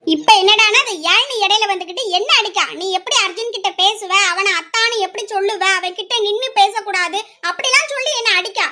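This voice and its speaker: A woman's voice: extremely high pitch, fairly quick, hardly any pauses, pushed and bright. A woman voicing an angry, hot-tempered young daughter complaining indignantly, in an audio drama. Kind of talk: amateur audio drama acting.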